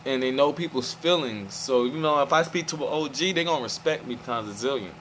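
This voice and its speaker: A man's voice: medium pitch, a little fast, fairly bright tone, low-quality recording. Male vlogger, mid-range voice, rambling stream-of-thought delivery, faint motor hum underneath. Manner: meandering, restarts, keeps asking "you feel me". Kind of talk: rambling monologue to camera.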